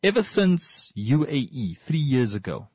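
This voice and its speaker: A man with a Namibian accent offers informal, explanatory commentary on world affairs, speaking in wordy, halting phrases and often repeating himself for emphasis. His mid-range voice is sing-song and husky, and the recording is dry and studio quality.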